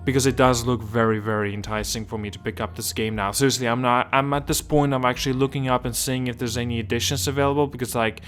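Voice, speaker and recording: A man from Estonia talks through a new game in a loose, rambling way, often starting over mid-sentence. His voice sits in an ordinary middle pitch. Quiet music plays faintly under him. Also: fairly even intonation, fast, hardly any pauses. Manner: rambling, restarts a lot, keeps asking if it makes sense. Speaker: gaming video host. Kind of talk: casual gaming commentary.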